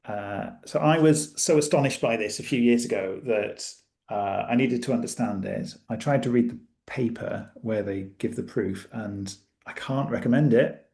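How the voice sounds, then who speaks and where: Guy with a gravelly low-key voice, warm and dark, excitedly explaining maths stuff in a chat. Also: normal speed, few pauses. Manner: enthusiastic, explaining with asides. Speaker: guest, maker of maths web tools. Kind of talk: casual chat.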